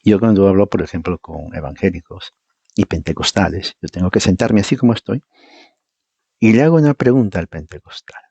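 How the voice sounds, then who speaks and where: Preacher, male, emphatic and argumentative, mellow husky tone. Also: sits low, fairly quick, no room sound. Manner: emphatic, argumentative, repeats points, mimics others. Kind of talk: informal teaching sermon. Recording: dull, muffled dry sound.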